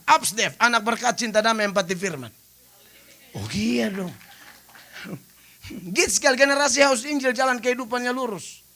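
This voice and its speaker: Pastor, male, high bright voice, animated joking sermon with shouted punchlines. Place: church stage.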